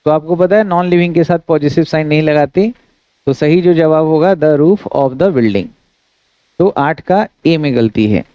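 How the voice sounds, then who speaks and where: Man teaching grammar, dark dry voice. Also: a little high, no room sound, dull audio. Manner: reads English sentences slowly, explains in Hindi; addresses students as friends, steady instructive delivery. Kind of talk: exam-prep grammar lesson.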